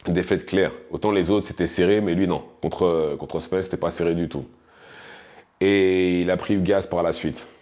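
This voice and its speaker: Male boxing commentator, deep voice, casual hesitant delivery with restarts. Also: steady tone, moderate pace, darkish tone. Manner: hesitant, many restarts and fillers, conversational. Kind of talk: casual spoken analysis.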